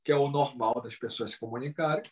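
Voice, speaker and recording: A man's voice: medium pitch, fast talker, a little mellow. A Brazilian man talking casually and animatedly, tagging sentences with "entendeu?" and "sabe?". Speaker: Brazilian living in Japan, talking about the language. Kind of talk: casual chat.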